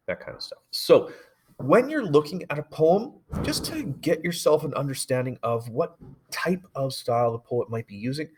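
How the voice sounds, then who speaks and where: A man's voice: fairly low pitch, slight background noise. A male teacher giving a recorded poetry lecture, explaining in a loose, explanatory way with frequent fillers and self-corrections.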